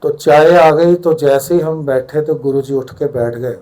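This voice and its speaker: A man's voice: a little high, fairly even intonation, measured pace, warm tone, low-quality recording. An older man with a Punjabi accent tells a story at a satsang, vividly acting out the dialogue. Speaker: devotee sharing a satsang story.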